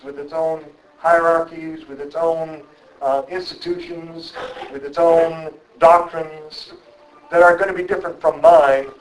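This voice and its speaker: A middle-aged man delivers a reflective public lecture, measured and thoughtful, frequently pausing with "um" and "uh." His voice is a little high, and the audio quality is poor.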